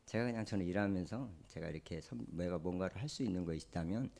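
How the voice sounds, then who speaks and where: A man's voice: deep voice, fast, creaky, dark tone. A male pastor with a Jeolla Korean accent, preaching a sermon in a conversational, storytelling way. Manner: conversational, storytelling, acts out quoted speech.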